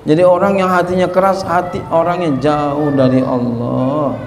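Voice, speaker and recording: The gravelly, fairly high voice barely moves in pitch as this man preaches at a moderate pace on a religious text. He talks to the congregation conversationally, with teasing asides, under long hall reverb and faint ambient noise.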